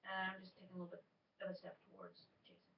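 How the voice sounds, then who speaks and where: A woman's voice: fairly low pitch, level tone, rapid-fire, distant mic, slight background noise. A woman at a tabletop game, playful and full of questions about where everyone stands. Her voice comes from away from the microphone in a roomy, echoing space, and the sound is dull and muffled. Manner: playful, asks many questions. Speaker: player.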